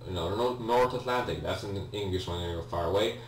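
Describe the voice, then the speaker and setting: This game host speaks low and briskly, rambling through his casual commentary with plenty of hesitation and self-correction. The sound is roomy, with a distant mic and a faint hum.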